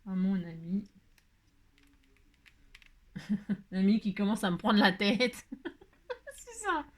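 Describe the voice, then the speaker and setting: A woman's voice: medium pitch, fairly even intonation, slow, breathy edge. A woman hosting a casual card-making tutorial, chatty and self-mocking, with frequent fillers and laughs. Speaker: craft video host. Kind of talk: casual crafting tutorial chat.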